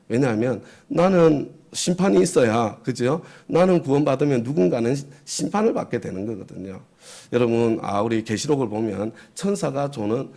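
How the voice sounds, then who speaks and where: A man's voice: medium pitch, gravelly, darkish tone. A middle-aged man, a pastor, preaching an early morning sermon and asking the congregation rhetorical questions.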